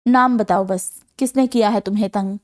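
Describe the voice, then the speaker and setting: A woman voicing a protective young husband from a novel, quick to anger and gentle with his wife. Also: high voice, steady tone, close to an everyday voice. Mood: angry. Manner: fierce then tender.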